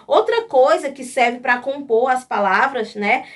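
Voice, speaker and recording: A woman's voice: high voice, expressive, measured pace, far from the mic. A woman teacher from Brazil explaining a grammar lesson step by step, often checking in with her class.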